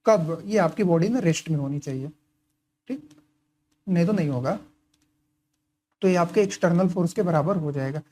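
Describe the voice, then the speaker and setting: A male engineering tutor talking through course material in a relaxed, conversational lecture. His voice is mellow and dark, and he keeps tossing out questions that he answers himself, dotting his explanation with quick check-ins as he marks up his notes. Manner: writes and highlights while talking.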